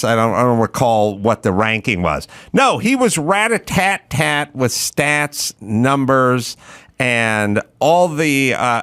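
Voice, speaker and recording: A man's voice: fairly high pitch, a bit bright, clear, resonant tone. A man in his fifties hosting a podcast interview, talking in a sardonic, emphatic way. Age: 50s. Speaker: podcast host. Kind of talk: conversational interview.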